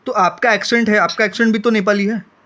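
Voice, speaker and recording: Male debate host, high voice, presses his point hard and cuts back in. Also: fairly even intonation, fast, bright, forceful tone. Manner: insistent, keeps demanding to be heard. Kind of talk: heated religious debate.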